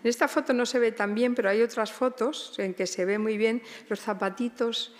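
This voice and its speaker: A woman's voice: on the high side, brisk. A woman curator giving an art history lecture in a large hall, speaking hesitantly with many fillers and tag questions. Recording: long reverb of a big hall.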